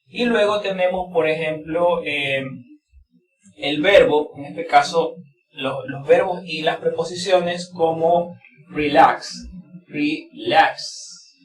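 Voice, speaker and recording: Man teaching English word stress. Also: a little high. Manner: slow and repetitive, many fillers. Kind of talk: explaining word stress from a board. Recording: echoey room, distant mic, crowd noise.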